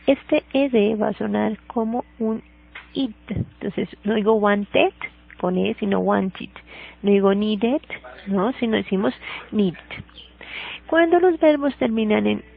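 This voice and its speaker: A woman's voice: medium pitch, gravelly. A woman with a Colombian accent teaching an English grammar lesson, who explains each rule twice in two languages and keeps checking that students follow. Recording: tinny phone-like sound.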